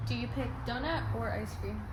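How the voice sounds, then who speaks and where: A young woman vlogging casually into a phone camera, gushing and excitable. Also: fairly high pitch, brisk. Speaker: lifestyle vlogger. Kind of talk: casual vlog chat. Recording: loud background noise.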